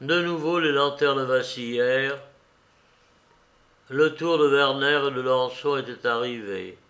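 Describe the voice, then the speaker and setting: A man narrating a literary novel as an audiobook in a slow, measured reading. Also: mid-range voice, a bit bright.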